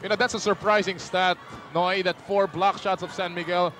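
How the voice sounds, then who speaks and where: A man calling a live basketball game play by play, excitable and mixing English with Tagalog. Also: sits high, normal speed, background noise. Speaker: play-by-play announcer. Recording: archival broadcast over loud arena crowd. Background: roaring arena crowd.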